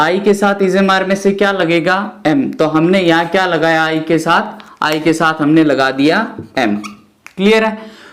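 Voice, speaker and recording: Man teaching grammar. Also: fairly high pitch. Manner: explains step by step, often asks and answers his own questions. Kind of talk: classroom lecture.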